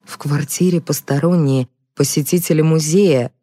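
A woman's voice: deep voice, fairly even intonation, normal speed, warm tone, no room sound, clean studio sound. Woman reading a mumbling guilt-ridden male psychologist. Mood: pleading. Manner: mumbling, self-justifying. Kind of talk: audiobook character reading.

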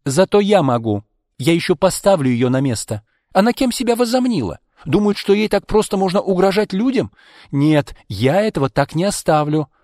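A man's voice: a little high, fairly even intonation, quick pace, few pauses, a little mellow, no room sound, clean studio sound, voice pushed up, natural voice. A man voicing a blunt, tough young woman who barks orders. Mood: fierce, indignant. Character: brash tough young woman, protective friend.

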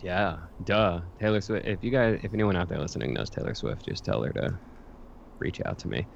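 A very low-voiced man chats as a guest on a podcast, laid-back and joking. The recording is a little dull, with a faint hiss underneath. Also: very animated, brisk, creaky. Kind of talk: casual podcast chat.

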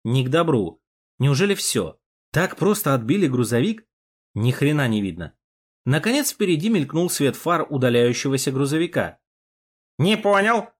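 A man narrating a war story in the first person, expressive and dramatic. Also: medium pitch, normal speed. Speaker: audiobook narrator.

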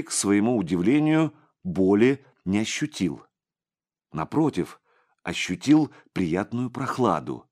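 A man narrating an audiobook story in a dramatic, expressive way. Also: low voice.

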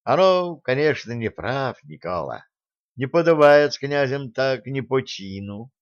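A man voicing a gentle old monk elder who speaks slowly and softly to make peace. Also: medium pitch, lively intonation, no echo, close to an everyday voice. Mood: soothing. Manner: soft, slow, soothing. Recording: dull lo-fi sound.

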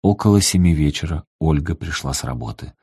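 Male narrator, deep husky voice, measured storytelling, dry studio. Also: lively intonation, a little mellow, no echo. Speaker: audiobook narrator. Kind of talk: scripted narration.

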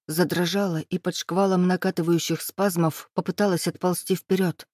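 Woman, audiobook narration, first person, steady even reading, mellow tone, dry recording. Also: lowish voice, no room sound.

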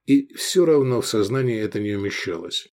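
A man narrating an audiobook with expressive, animated reading. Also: lowish voice, a little fast. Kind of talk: scripted narration.

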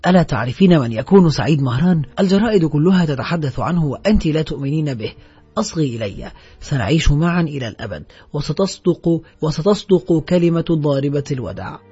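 A male narrator lends his voice to a hunted former convict, scornful and sure of himself, speaking in a fairly high, slightly husky tone. The sound is a bit dull, with faint music running underneath. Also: expressive, fast talker. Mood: scolding. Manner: mocking, self-assured. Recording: dull audio with soft background music.

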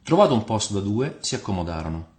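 A man narrating a scripted historical story in a measured storytelling manner. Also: on the low side, very animated, darkish tone. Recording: roomy room with faint music.

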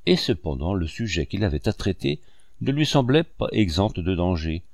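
A man reads a classic novel aloud in an expressive storytelling manner. His voice sits low, and his pitch moves a lot from line to line. The recording is dry and close. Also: moderate pace, vocal fry, no room sound. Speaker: audiobook reader. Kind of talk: scripted narration of a novel.

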